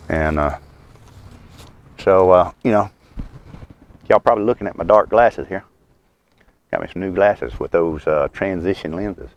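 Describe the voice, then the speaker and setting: A Southern US man in his mid fifties hosts a homestead and birdwatching channel, rambling through a casual outdoor vlog while puffing on a pipe. He sounds folksy, unhurried and wryly funny, with a low-sitting voice and lo-fi sound.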